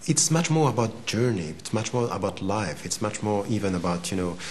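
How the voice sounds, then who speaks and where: With a fairly low pitch and a slightly quick pace, this man is heard over slight background noise. He's an Arabic-speaking Swiss man in his forties being interviewed, and he answers in a pensive, tentative way, frequently repeating himself.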